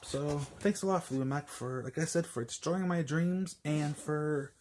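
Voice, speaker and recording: A man's voice: a little high, moderate pace, a little mellow. A man ranting casually to camera in a vlog, angry, rambling with many fillers, restarts and swear words. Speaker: vlogger.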